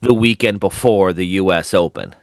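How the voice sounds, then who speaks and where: A man's voice: low voice, normal speed, a little mellow, dry recording, studio quality. A man co-hosting a podcast, talking bluntly about sports in casual chat and swearing freely. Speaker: podcast co-host.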